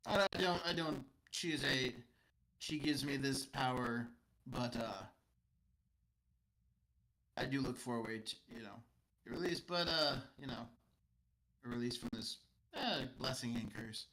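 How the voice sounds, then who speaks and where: Guy doing a calm courtly vampire lord, halting, lots of ums. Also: mid-range voice, rough recording. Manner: halting, many fillers.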